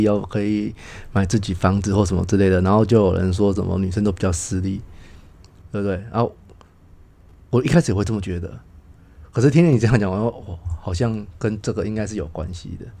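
A man's voice: fairly low pitch, dark tone. A young man, co-hosting a casual chat, teasing, joking and stammering over repeated words. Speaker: podcast co-host.

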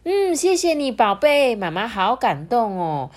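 A caring young mother from a storybook, played by a woman, who soothes and coaxes in a soft voice. Her pitch sits high and moves freely. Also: lively intonation, unhurried. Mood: tender. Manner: gentle, soothing, coaxing.

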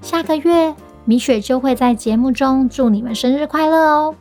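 A woman with a Taiwanese accent speaks in a high voice, as if reading to a toddler. She talks straight to little listeners as a children's storytelling host. Music plays behind her. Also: moderate pace, darkish tone.

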